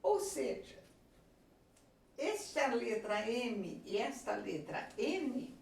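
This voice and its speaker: A woman teacher with a Brazilian Portuguese accent, giving a slow, deliberate lesson at a board and often checking in with her class. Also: on the high side, very animated, creaky, darkish tone, a little hiss or hum. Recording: echoey room from far off.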